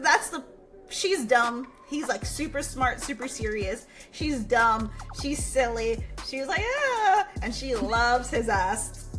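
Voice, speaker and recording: A woman co-hosting a podcast, chatting casually with a high, bright, forceful voice. She laughs often and acts out characters' lines in a lively way. Faint music plays behind her. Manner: animated, acts out characters' lines while recounting. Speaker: podcast co-host. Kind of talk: casual chat.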